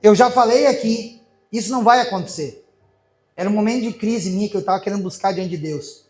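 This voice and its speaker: A man's voice: sits high, brisk, soft background music. A male pastor with a Brazilian Portuguese accent preaching an impassioned sermon to his congregation.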